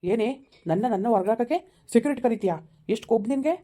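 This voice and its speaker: A jilted young man, broke and bitter, who accuses his lover in a rapid, mellow voice, played by a woman. His indignant lines come out very fast. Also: a little high, expressive. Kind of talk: village skit acting.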